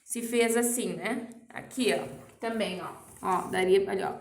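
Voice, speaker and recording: A young female primary school teacher with a Brazilian Portuguese accent patiently explains a lesson to children in a recorded remote class. Her medium-pitched voice carries reverb, and she goes slowly, often checking they follow with lots of "ó" and "tá?".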